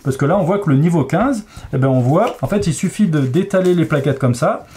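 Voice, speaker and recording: A man's voice: on the high side, lively intonation, brisk, darkish tone. A man who designs games, patiently explaining how a logic puzzle works in a casual chat, with frequent fillers. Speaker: game designer. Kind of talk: explaining a board game casually.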